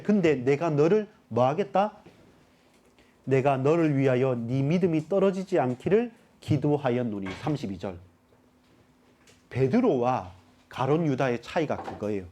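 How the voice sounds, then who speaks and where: A man preaching a sermon as pastor, talking straight to his congregation and explaining scripture with lively emphasis. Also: a little high. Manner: animated preaching, addressing the congregation directly.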